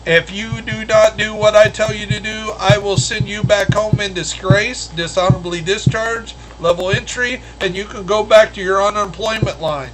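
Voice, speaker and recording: A man voicing a stern, measured male drill instructor who never curses, in a story he is telling. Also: high-pitched, fairly even intonation, over music, close to an everyday voice, poor audio.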